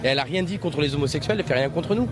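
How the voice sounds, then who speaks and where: A man's voice: on the high side, expressive, rapid-fire. A man interviewed on a city street, talking in an insistent, emphatic way and repeating himself. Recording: street interview with crowd noise. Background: crowd and passing vehicles.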